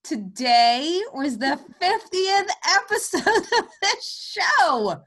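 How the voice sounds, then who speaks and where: A woman's voice: high-pitched, very animated, takes it slowly, a bit bright. A woman co-hosting a casual online show, enthusiastic and giggly. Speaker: co-host. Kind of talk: casual chat.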